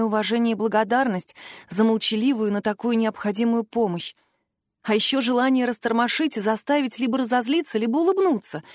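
A woman narrating a fantasy novel in the first person with a soft, expressive delivery into a close microphone. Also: fairly high pitch, no echo. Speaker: audiobook narrator.

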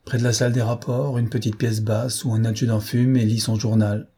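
A man reading a novel aloud as an audiobook narrator, in a slow and measured way. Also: mid-range voice, little pitch movement, dark tone, slightly rough. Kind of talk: scripted narration.

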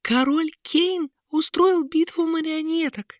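Слащавого хитрого советника. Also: male voice, fairly even intonation, slow, no room sound, studio quality. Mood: sugary. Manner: sweet sing-song falsetto. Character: sly greedy male court adviser, sing-song. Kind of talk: audiobook character voice.

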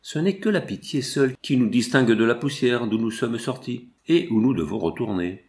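A man's voice: mid-range voice, animated, moderate pace, a little mellow, natural voice. A man reading as an old pleading monk. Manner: impassioned, pleading. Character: old monk and father pleading for his son. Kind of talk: audiobook character reading.

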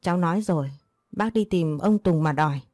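A woman's voice: on the low side, brisk, a little mellow, dry recording, studio quality, lightly acted. A woman voicing a poor, distraught middle-aged village wife who laments and pleads.

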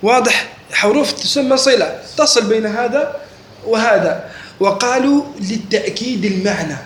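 With a high voice at a moderate pace, a man teaches a religious class and often stops to check that his students understand, asking them questions. Faint noise and echo are present in the room.

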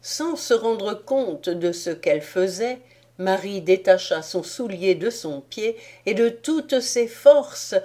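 A woman reading an audiobook tale in a measured storytelling manner. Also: mid-range voice, lively intonation, dark tone. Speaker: audiobook reader. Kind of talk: scripted narration.

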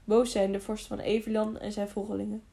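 A grave, kindly old hermit speaks in a soft, solemn, unhurried way, his voice mellow and warm, as a woman reads him aloud for an audiobook. The tone stays at a medium pitch throughout. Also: monotone, creaky, lightly acted. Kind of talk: audiobook reading.

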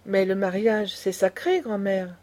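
A woman's voice: mid-range voice, a little slow, a little mellow, lightly acted. A woman reading a naive young girl. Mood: earnest. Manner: earnest, pleading.

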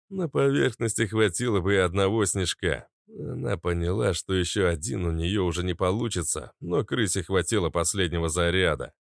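A man narrating a fantasy audiobook in an even, measured reading. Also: lowish voice, gravelly, no echo, clean studio sound. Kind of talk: scripted narration.

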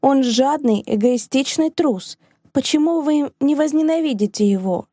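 A woman reading an audiobook, voicing a fiery, indignant young woman who speaks in bitter, sharp outbursts. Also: high-pitched, expressive, moderate pace, no echo, studio quality, voice pushed up.

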